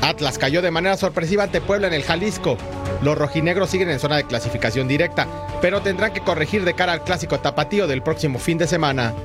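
A man's voice: on the high side, fast talker. A man reading a scripted sports news narration. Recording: prominent music behind the voice.

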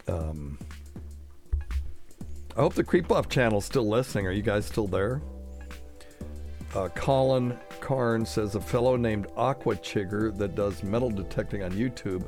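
A man with a fairly low-pitched voice hosts a casual live show, answering listener questions. He rambles in a folksy way and explains medical terms plainly.

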